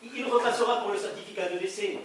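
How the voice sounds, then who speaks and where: A man's voice: high-pitched, steady tone, fast, close to an everyday voice. A man acting a touchy, stammering son who has just lost his father, on stage in a live play, with a southern French accent. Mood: stubborn. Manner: stammers and flares up in indignant bursts. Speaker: stage actor. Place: theatre stage. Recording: echoey theatre, distant mic, audience noise.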